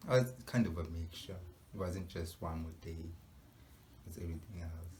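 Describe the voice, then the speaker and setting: Deep-voiced man, casual reaction host, thinking aloud, faint background noise. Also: darkish tone. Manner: musing, rhetorical questions, frequent fillers and laughs.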